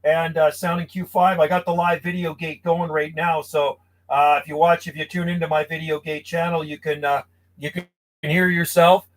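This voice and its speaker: A man with a slightly high voice chats casually as a CB radio operator and host, talking buddy-to-buddy from a small insulated radio shack outside the house. His delivery is flat at a normal speed, and the audio is poor.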